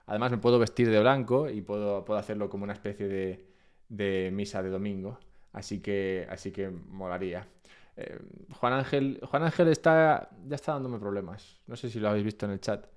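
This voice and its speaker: Fairly low-pitched and smooth, his brisk delivery carries a Spain Spanish accent. He's a man from Spain hanging out with his live-stream chat at home, rambling in a relaxed, self-deprecating way.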